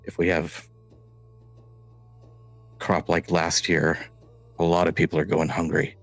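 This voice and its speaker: A man doing a gruff halfling farmer. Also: low-pitched, completely flat delivery, a little slow, faint music behind. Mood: grim. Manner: blunt, muttered, curses.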